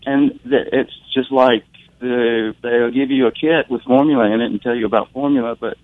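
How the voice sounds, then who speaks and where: A man's voice: medium pitch, fairly even intonation, no echo. Earnest man calling in over the phone. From Mississippi. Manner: earnest, halting, searching for words. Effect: heard over the phone. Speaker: radio call-in caller. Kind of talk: call-in commentary. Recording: tinny phone line, dry.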